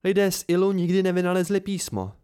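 A man's voice: high-pitched, mellow, clean tone, pitched above the performer's own voice, lightly acted. A man voicing a stubborn young female student who answers defensively. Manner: defensive, muttering.

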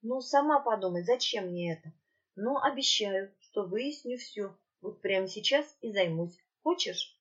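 A woman voicing a sly, cautious male demiurge who tries to calm someone down, in an audiobook. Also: medium pitch, a little slow, husky, muffled recording. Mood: placating. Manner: pleading, placating. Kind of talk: audiobook character reading.

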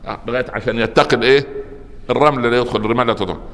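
Egyptian preacher guy teaching a crowd, storytelling, keeps asking them questions, mid pitch, big hall echo trailing off. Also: fairly even intonation, racing, fairly bright tone. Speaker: preacher teaching a religious lesson. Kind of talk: religious lecture to a live audience.

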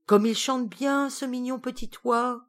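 A woman voicing a soft-hearted, motherly witch queen who coos fondly. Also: high-pitched, fairly even intonation, unhurried, pitched above the performer's own voice. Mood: cooing. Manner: cooing, fond.

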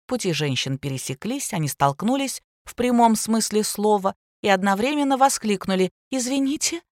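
A woman narrating an audiobook in a steady, expressive storytelling manner. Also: medium pitch, moderate pace, no room sound, studio quality. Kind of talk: scripted narration.

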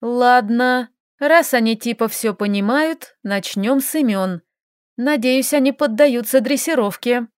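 A woman voicing a stubborn, feisty young heroine who bickers and exclaims in quick, sharp lines, read from an audiobook. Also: fairly high pitch, clear, resonant tone, no echo, studio quality, lightly acted.

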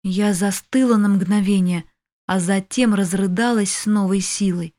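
A woman performs a first-person novel as an audiobook, narrating emotively at a middling pitch. She takes her time, keeps her intonation fairly even, and has a dark tone.

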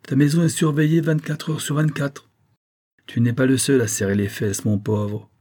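A man's voice: mid-range voice, little pitch movement, moderate pace, warm tone, voice pushed up, lightly acted. A man reading the part of a streetwise female police captain who talks bluntly and matter-of-factly. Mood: reassuring. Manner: blunt, slangy, matter-of-fact.

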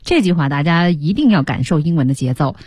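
A woman co-hosts a radio English lesson in a chatty way, with lively pitch and a slightly husky voice. She explains with rhetorical questions. The recording is dry. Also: fairly quick, dry recording. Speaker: co-host English teacher.

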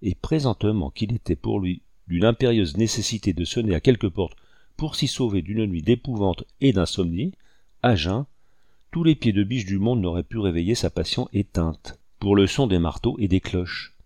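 Male audiobook narrator, low voice, steady measured storytelling, dry close recording. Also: no echo. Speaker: audiobook reader. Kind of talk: scripted narration.

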